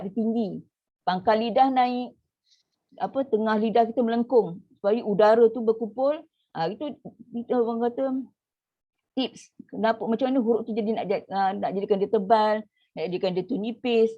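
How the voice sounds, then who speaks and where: A woman's voice: fairly high pitch, warm tone, highs cut off. Malaysian woman teaching Quran recitation. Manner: explains casually, then models drawn-out recitation slowly; conversational with many "ha" fillers. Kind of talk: online tajwid class lesson.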